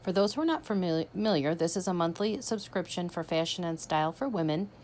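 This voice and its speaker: A woman's voice: lowish voice, expressive, fast talker, darkish tone, slight background noise. A woman chatting casually as she unboxes a subscription box, describing each item as she pulls it out. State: hiccuping. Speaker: unboxing vlogger.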